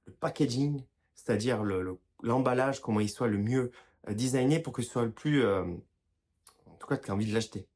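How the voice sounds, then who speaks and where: In a brisk, slightly mellow, medium-pitched voice, this man talks directly and informally to his viewers about health, frequently restarting his sentences. As a wellness video creator explaining things to camera, he apologizes for how he pronounces words.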